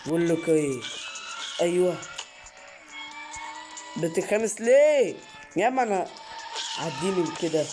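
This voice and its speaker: A man with an Egyptian Arabic accent giving excitable let's-play commentary, repeating short exclamations and breaking into sudden high yelps. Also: measured pace, pauses often, faint music behind. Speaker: gaming channel host.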